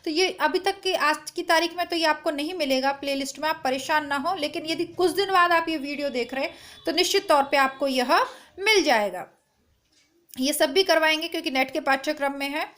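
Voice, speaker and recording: A Hindi exam-prep teacher, a woman with a strained, hoarse, high voice, gives an informal lesson to camera, chatting through the exam syllabus and reassuring her students directly. She talks a little fast with a slightly bright tone, recorded at home on a phone or built-in device rather than a proper mic.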